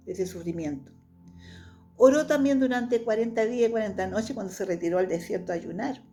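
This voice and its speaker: A woman's voice: mid-range voice, darkish tone. A woman giving a devotional Bible lesson, speaking earnestly and reading scripture passages aloud between her own reflections. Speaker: Bible teacher.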